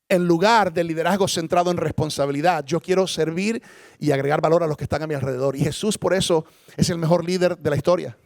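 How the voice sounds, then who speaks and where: Man, pastor, sermon, emphatic, rhetorical questions, dry sound. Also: dry recording. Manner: emphatic, dramatic swings in pitch and loudness, rhetorical questions.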